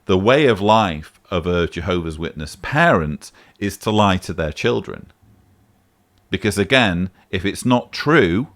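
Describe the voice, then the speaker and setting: In a fairly low, slightly bright voice, a vlog host responds to a voicemail with casual commentary that is emphatic and argumentative. His pitch jumps sharply on the points he wants to stress.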